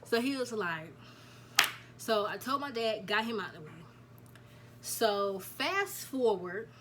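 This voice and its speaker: A nineteen-year-old woman vlogger chats casually to camera in storytime style, repeating herself as she tells "y'all" about her news. Her voice is a little high with big pitch swings, her pace slow, and the background noisy.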